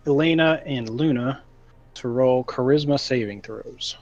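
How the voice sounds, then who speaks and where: A man narrating as game master of a tabletop game, slow and halting with fillers. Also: medium pitch, a little mellow. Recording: dull lo-fi sound.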